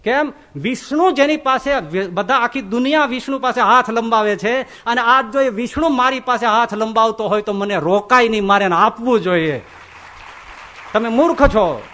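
A man acting out a proud, generous king who loudly scolds his guru, within a spoken sermon. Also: very high-pitched, moderate pace, pitched above the performer's own voice. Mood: indignant. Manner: indignant, raised loud voice.

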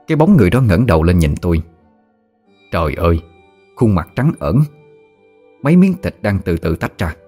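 A man narrating a first-person ghost story in a steady, measured way. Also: low voice, husky. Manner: steady, measured telling that turns frantic in quoted outbursts. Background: faint music.

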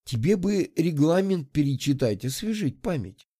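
A man's voice: on the high side, very animated, normal speed, dark tone, breathy edge. A man voicing a poised young countess who speaks in a light, wry way.

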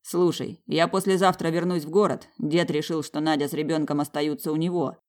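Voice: mid-range voice, fairly even intonation, fairly quick, a little mellow, lightly acted. Narrator voicing a smug rich young man. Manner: smug, dismissive. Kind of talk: audiobook character dialogue.

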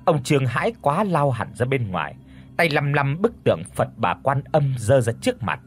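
A man narrating a scripted ghost story audiobook in an animated, dramatic way. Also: mid-range voice, moderate pace, soft background music.

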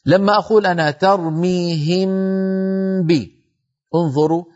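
A man teaching Quran recitation on a televised lesson, explaining step by step with rhetorical questions to his listeners and slowly demonstrating each sound. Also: sits high, a little mellow, lo-fi sound. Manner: addresses the audience as brothers with rhetorical questions.

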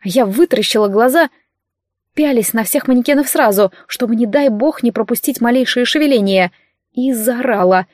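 Woman, audiobook narrator, first-person novel, higher pitch, dry close sound. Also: moderate pace, a little mellow, dry recording. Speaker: audiobook reader.

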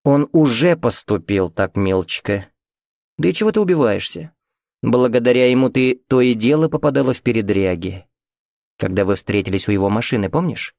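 A man's voice: on the low side, creaky, darkish tone, dry recording, clean studio sound. A man voicing a cold, scornful middle-aged mother who talks down to her daughter in a cutting, commanding way, in an audiobook.

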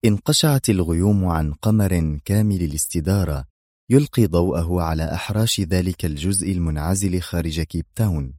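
A male narrator reads a novel in a steady, measured way. His voice is low. The sound is close and dry with no room. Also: no room sound. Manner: measured storytelling. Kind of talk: audiobook narration.

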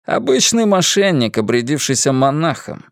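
A man voicing a calm fair-haired inquisitor who speaks in an impassive, measured way. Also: fairly high pitch, vocal fry, no room sound, clean studio sound. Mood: dispassionate.

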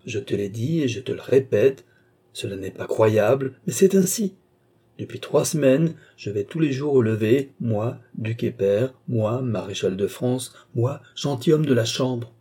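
A man's voice: medium pitch, expressive, measured pace, mellow, breathy edge. A man voicing a vain old duke and marshal who answers his friend with ironic, theatrical insistence. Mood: insistent.

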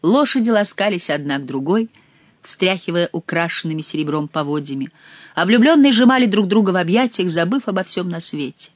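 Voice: mid-range voice, animated, fairly quick, no room sound. Dry-sounding audiobook narrator. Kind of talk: scripted narration of a classic novel.

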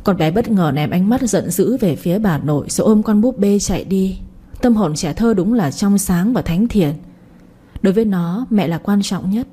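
A woman narrating a story in an even, gentle reading voice. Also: medium pitch, slightly rough.

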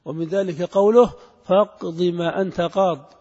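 High husky man teaching a class. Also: fairly even intonation, normal speed, warm tone. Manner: questions the class and repeats the answers. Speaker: grammar teacher. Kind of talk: classroom grammar lesson. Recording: muffled recording in a reverberant hall.

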